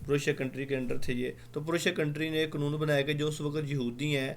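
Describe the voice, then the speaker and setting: A man teaching an exam-prep lecture in an online class, explaining slowly with many fillers and spelling out words letter by letter. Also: a little high, level tone, a little hiss or hum.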